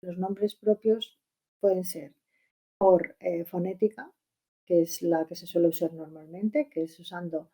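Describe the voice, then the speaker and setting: A woman's voice: lowish voice, fairly even intonation, a little slow, dark tone. Woman teaching a webinar lesson. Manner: explanatory, frequent fillers and rhetorical "¿no?". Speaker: Chinese language teacher.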